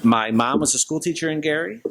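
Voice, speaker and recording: A man's voice: fairly high pitch, fairly quick, a bit bright, slight background noise. A man answering interview questions as a guest, speaking informally in loosely strung thoughts. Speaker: interview guest, business leader.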